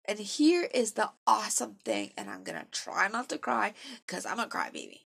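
A woman's voice: mid-range voice, huge pitch swings, normal speed, gravelly, fairly bright tone, slightly rough. A young woman giving a personal faith testimony in an earnest, emotional and self-deprecating way.

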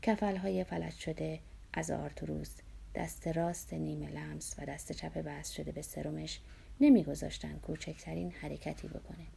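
A woman reading a memoir aloud in a measured, somber way, dropping to a hush at times. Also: deep voice, flat delivery, vocal fry, a little hiss or hum. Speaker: narrator. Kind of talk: scripted narration of a memoir.

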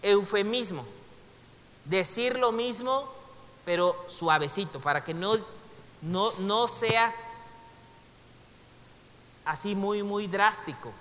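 A man's voice: high-pitched, animated, slow pace, long pauses, pushed and bright. A man with a Mexican Spanish accent giving a casual Bible lesson to a class. He talks conversationally, makes joking asides and reads passages aloud. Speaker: Bible teacher. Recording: long hall reverb.

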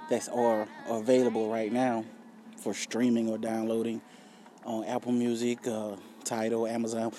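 A young rapper promoting his own music chats casually to viewers in a solo vlog, laid-back, slangy and full of profanity, often checking that they agree. His voice is medium-pitched with a dark tone, and there is slight background noise.

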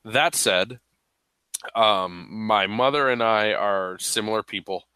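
A man's voice: fairly low pitch, slow, pushed and bright, clean tone, no echo. A man with a stuffy voice hosting a podcast in a playful, casual, chatty way. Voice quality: stuffy, congested-sounding. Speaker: podcast host. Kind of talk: casual chat.

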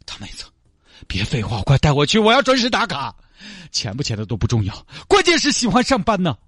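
A man voicing a frazzled, stubborn working woman with a Sichuanese accent who talks in shrill, wailing pleas. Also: wildly swooping pitch, brisk, a bit bright, slightly rough, no room sound, clean studio sound, heavily acted. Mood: insistent. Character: frazzled stubborn woman worker, desperate for attendance bonus.

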